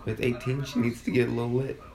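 Young dude chatting with a buddy, gravelly voice, keeps laughing, echoey room. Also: male voice, medium pitch, flat delivery, quick pace, a crowd in the background. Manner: laughing, rambling storyteller. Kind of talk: casual chat between friends.

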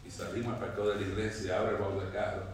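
A man's voice: low-pitched, level tone, fast talker, a little hiss or hum. A man preaching a sermon as pastor, fervent and repeating his words for weight. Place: church. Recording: echoey church from far off.

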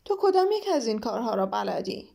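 A woman's voice: a little high, big pitch swings, gravelly, dark tone, full character voice. A woman reading a story aloud and voicing an impatient, commanding king who gives curt orders. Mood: imperious. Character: bossy, impatient king of a fairy-tale court.

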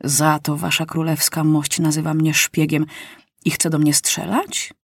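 A woman voicing a sly, soft-spoken journalist spy. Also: a little high, measured pace, gravelly, breathy edge, no room sound, clean studio sound, full character voice. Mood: calm. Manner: quiet, pleasant, calm. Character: smooth-talking sly male journalist spy. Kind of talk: audiobook reading.

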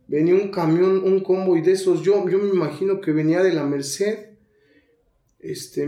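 Intense Mexican man, high voice, echoey room. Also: warm tone. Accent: Mexico City Spanish. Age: 30s. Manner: intense, slangy, relives scenes aloud. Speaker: guest sharing a recovery testimony. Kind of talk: emotional personal testimony.

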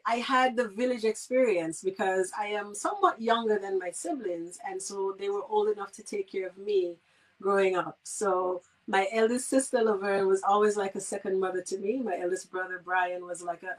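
A woman's voice: mid-range voice, normal speed. A middle-aged woman from Saint Kitts with a Kittitian accent, answering interview questions conversationally as a guest. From Saint Kitts, Caribbean. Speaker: guest, physical therapist. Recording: distant from the microphone.

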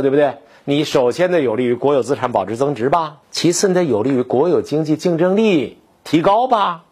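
A man's voice: mid-range voice, gravelly, a little mellow, breathy edge. A man giving a combative political commentary monologue, full of rhetorical questions and colloquial turns.

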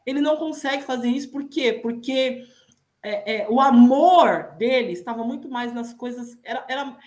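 A woman with a Brazilian Portuguese accent and a slightly high voice reflects informally on faith. She is earnest and repeats words for emphasis, and the room echoes clearly around her. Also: moderate pace, a little mellow. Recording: roomy, echoing sound.

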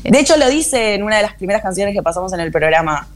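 A woman's voice: mid-range voice, quick pace. A woman with an Argentine accent co-hosting a radio show, chatting casually and animatedly in slang. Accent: Argentine Spanish. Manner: animated, slangy, acts out lyrics. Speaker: radio co-host.

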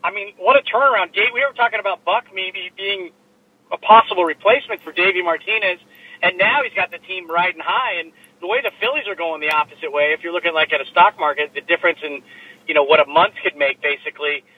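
A man co-hosting a casual sports chat over a low quality remote stream from a laptop in his car, talking in a joking, chatty way with plenty of filler words. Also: fast talker, slightly rough, phone-quality sound. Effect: low quality remote stream audio. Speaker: sports podcast co-host. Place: inside a parked car. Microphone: laptop microphone.

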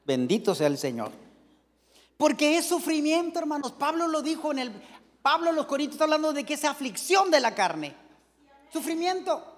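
A man's voice: very high-pitched, sing-song, moderate pace, long reverb tail. A middle-aged man preaching a sermon in a folksy, joking way, calling out to the congregation again and again.

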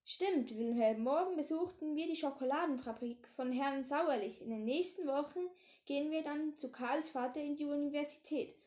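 A woman's voice: high-pitched, normal speed, a little mellow, roomy sound, close to an everyday voice. A woman reading as a friendly schoolteacher. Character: friendly woman schoolteacher addressing her class.

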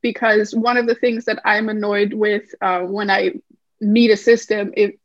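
A woman's voice: mid-range voice, level tone, measured pace, no room sound, highs cut off. A woman from Denmark, a guest numerologist, explaining her work thoughtfully with many fillers. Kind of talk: podcast interview.

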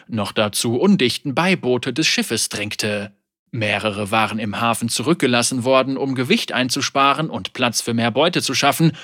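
A man narrating a dark adventure audiobook in a vivid, dramatic storytelling manner. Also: mid-range voice, dry recording, studio quality.

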